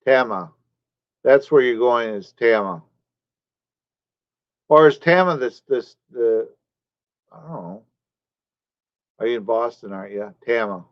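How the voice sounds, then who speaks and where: Male streamer, mid-pitched, loose rambling chat with viewers, dry muffled recording. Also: a little slow, pauses often, no echo. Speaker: live streamer. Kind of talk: casual live-stream chat.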